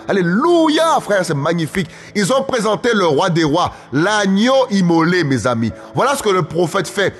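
A man preaching a sermon emphatically, repeating phrases and calling out to his listeners. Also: high-pitched. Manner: emphatic, repetitive, often calls out to listeners. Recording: faint music, long hall reverb.

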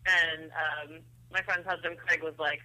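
A woman's voice: sits low, steady tone, measured pace, bright, forceful tone. A woman calling in by phone, telling a story casually with lots of fillers and laughs. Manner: laughing, chatty, full of fillers. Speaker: guest on the phone. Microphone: telephone. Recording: thin phone line.

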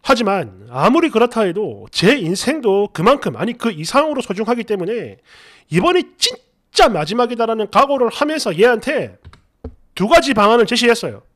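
A man narrates his own online post in the first person, sounding exasperated as he recounts what happened. His voice sits unusually high for a man and moves in wide, lively swoops, carrying the story along with an animated storytelling drive. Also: normal speed.

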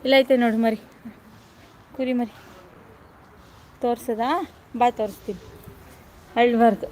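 A woman's voice: on the high side, fairly even intonation, unhurried. A young woman, filming a casual live vlog on a phone while coaxing a fussing toddler in sing-song baby talk. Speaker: mother vlogging live. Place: outdoors at a house under construction. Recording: loud outdoor noise, animals. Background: child crying, animals, work noise.

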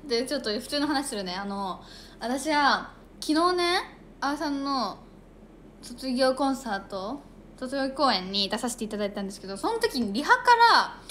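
A young woman idol livestreamer chats casually and reads viewer comments aloud. Her voice is high-pitched with a fairly bright tone, over slight background noise.

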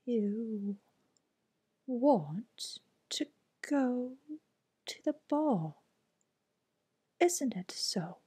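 A woman voicing a kind, motherly fairy godmother in a soft whisper, for a storybook reading. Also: fairly high pitch, very animated, drawn-out words, long pauses, slightly rough, heavily acted. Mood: gentle. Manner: whispered, gentle and coaxing.

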